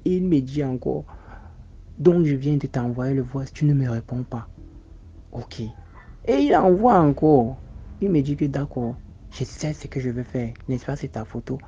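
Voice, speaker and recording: A man with a Cameroonian French accent telling a first-person story casually, halting with many restarts and fillers. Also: medium pitch, mellow, slightly rough. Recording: dull lo-fi audio with faint noise.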